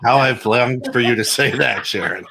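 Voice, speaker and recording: A man's voice: medium pitch, normal speed, vocal fry, heavy background noise. A man in his fifties co-hosting a casual chat show, rambling and joking with lots of fillers. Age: 50s. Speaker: co-host.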